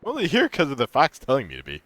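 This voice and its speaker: A man's voice: medium pitch, huge pitch swings, very fast, a bit bright, voice pushed up. A man voicing a nervous, naive, plain-spoken bear in a video game, casual and easily flustered. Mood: uneasy, puzzled. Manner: flustered, casual, swooping intonation. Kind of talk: reading video game dialogue aloud.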